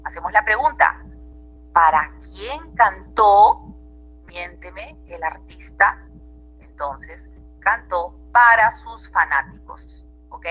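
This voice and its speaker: Woman teacher, peruvian spanish accent, unhurried, husky edge, faint music behind. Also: medium pitch, pushed and bright, poor audio. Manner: questioning, checks with students often. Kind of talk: online grammar class.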